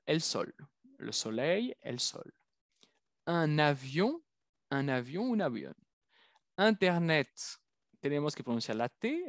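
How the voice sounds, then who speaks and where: A man with a gravelly, mid-range voice teaches a French lesson, carefully drawing out each French word and repeating it for his learners. The recording is dry, with clean studio sound.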